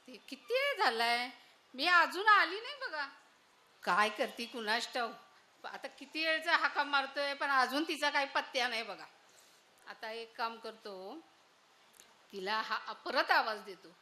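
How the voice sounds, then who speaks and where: A woman's voice: on the high side, expressive, a little slow, long pauses. A woman playing a complaining older village mother-in-law in a solo stage monologue. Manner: grumbling, loud calls and complaints.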